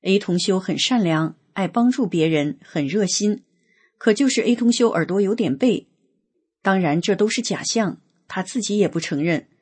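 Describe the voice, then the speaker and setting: A woman reading a spiritual testimony aloud in a measured, earnest way, slowing down on lists. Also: medium pitch, expressive, darkish tone, husky. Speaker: reader of a personal testimony.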